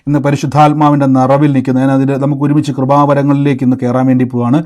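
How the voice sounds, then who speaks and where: A man's voice: medium pitch, little pitch movement, racing, darkish tone. A man preaching a live-streamed sermon, asking emphatic questions and leading the listeners in repeated declarations. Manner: emphatic, rising questions and call-and-response.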